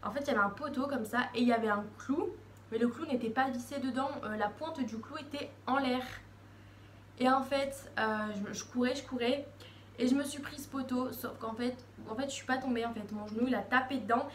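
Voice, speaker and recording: A chatty teenage vlogger talks casually to camera in a fairly high voice, speaking fairly quickly and rambling with many fillers and restarts. She records on a phone camera in an echoey room with faint noise in the background.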